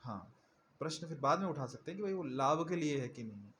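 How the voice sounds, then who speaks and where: A man's voice: a little high, big pitch swings, fairly quick, a bit bright, a little hiss or hum. A male preacher giving a sermon in a conversational manner, often asking his listeners questions. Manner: conversational, asks the audience questions.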